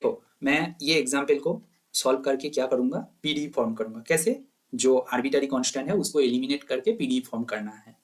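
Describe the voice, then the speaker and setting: A man's voice: mid-range voice, expressive, brisk. A man teaching a maths lecture, asking questions and answering them himself, mixing in English terms. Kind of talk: lecture to exam students.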